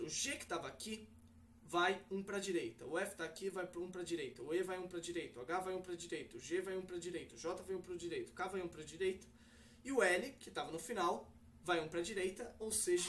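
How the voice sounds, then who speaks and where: A man's voice: fairly high pitch, a bit bright, slight background noise. Man teaching code from a distant mic. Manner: explains step by step with many fillers and self-corrections. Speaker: programming teacher. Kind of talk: screen-recorded coding lesson.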